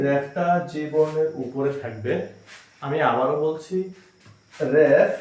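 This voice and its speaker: A man teaches a reading lesson, repeating every sound slowly and patiently. His voice sits a little higher than most men's. The room rings with strong echo. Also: darkish tone, far from the mic. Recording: very echoey room.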